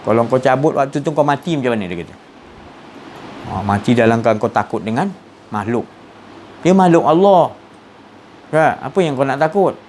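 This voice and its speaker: A man giving an informal religious talk, telling stories with lively sound effects. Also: medium pitch, brisk, pauses often, slight background noise. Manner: animated storytelling with sound effects. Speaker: religious teacher.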